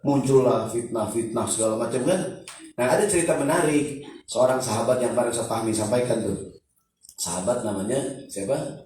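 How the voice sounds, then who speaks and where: A man's voice: mid-range voice, moderate pace, a little hiss or hum. A man preaching, telling stories with jokes and acted-out dialogue. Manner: animated, joking, acts out dialogue. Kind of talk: humorous sermon storytelling. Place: large conference hall. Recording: echoey hall from far off.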